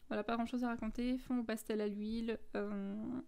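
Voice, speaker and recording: A woman's voice: fairly high pitch, level tone, normal speed, vocal fry, a little mellow, smooth. A woman from France talking casually through her finished coloring pages, listing her art supplies with lots of fillers and self-corrections. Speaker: coloring book vlogger.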